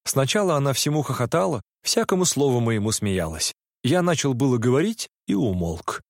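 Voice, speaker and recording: A man's voice: medium pitch, big pitch swings, a little mellow, dry recording. Man reading, dry and close. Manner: measured, reflective reading. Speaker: audiobook narrator. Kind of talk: first-person literary narration.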